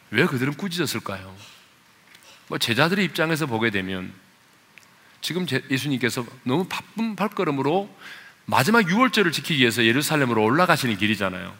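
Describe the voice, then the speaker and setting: A male pastor preaching a sermon with passion, climbing to loud appeals, then dropping to quiet asides and questions for the congregation. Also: on the high side. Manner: asks the congregation questions and leads them in reading.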